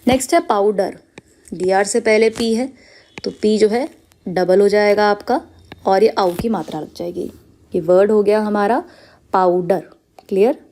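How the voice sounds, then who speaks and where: A woman with a mellow, mid-range voice teaches a stenography lesson step by step at a measured pace, pausing often. She patiently explains each shorthand rule, mixes English terms into her talk, and keeps checking that students follow with "clear?" and "okay".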